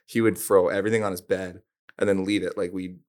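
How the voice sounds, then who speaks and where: A man's voice: low voice, little pitch movement, fast talker, darkish tone. A young man, a pro athlete guest, telling teasing stories about his old roommate in casual chat, often laughing. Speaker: guest, pro hockey player.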